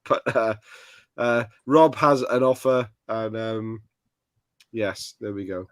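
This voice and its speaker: A man's voice: lowish voice, slow, clear, resonant tone, no room sound. A man co-hosting a casual livestream, joking and laughing often as he talks. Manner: laughs often, jokey interruptions. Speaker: co-host.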